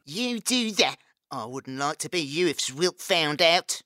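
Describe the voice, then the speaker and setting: A man voicing a small, timid, simple-minded male rat, soft and plaintive with rustic speech. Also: mid-range voice, takes it slowly, no room sound, studio quality, pitched above the performer's own voice. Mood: fearful.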